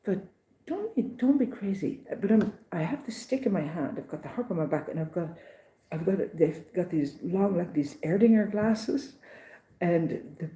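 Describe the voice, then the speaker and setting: A woman recounting her pilgrimage day in a casual, animated vlog, with many restarts and acted-out voices. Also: lowish voice, roomy sound, rough recording. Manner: animated, acts out others' voices, restarts often. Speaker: pilgrim vlogger.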